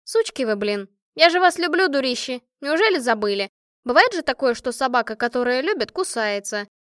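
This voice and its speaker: Lady reading as a burned-out young girl soldier, rough and tearful, pitched up high and loud, dry close sound. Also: fairly quick, no room sound, natural voice. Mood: heated apologetic. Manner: bitter, tearful, coarse. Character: tired tough orphan girl soldier, young woman.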